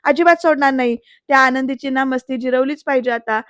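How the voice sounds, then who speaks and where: A man's voice: extremely high pitch, fairly even intonation, a little fast, fairly bright tone, smooth, no room sound, clean studio sound. A woman voicing a hot-headed young man who bursts out angrily and repeats himself. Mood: furious. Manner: angry outbursts, repeating himself.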